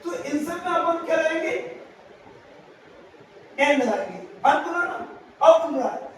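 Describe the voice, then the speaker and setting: A man teaching English grammar in a classroom lesson, slowly and with lots of repetition, asking questions and answering them himself. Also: very high-pitched, lively intonation. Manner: slow and repetitive. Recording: very echoey room, from far off, faint noise.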